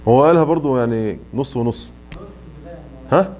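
There is slight background noise and the audio is dull as this Egyptian-accented man teaches tajweed in a mosque classroom. His medium-pitched, darkish voice moves at a normal speed while he elongates examples and quizzes students.

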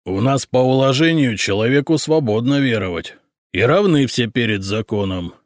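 A man reading an audiobook, voicing a calm, stubborn old boyar who answers in a level, dignified way. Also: medium pitch, dry recording, studio quality, pitched above the performer's own voice, natural voice. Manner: level, dignified, unhurried replies.

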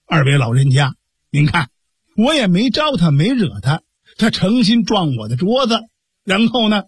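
A man's voice: high voice, husky, no room sound, clean studio sound, full character voice. A man with a Beijing accent voicing a proud, hot-tempered young hero, indignant and stubborn.

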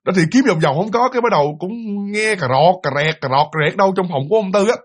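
This ghost story comes from a man with a husky, high voice who talks fast and animatedly. He keeps it casual and chatty, addressing his listeners head-on.

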